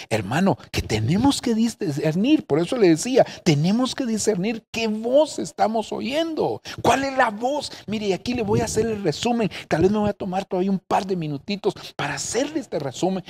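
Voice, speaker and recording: A man's voice: fairly high pitch, a little mellow, husky. A middle-aged man preaching a sermon from home as a pastor, earnest and addressing his listeners directly.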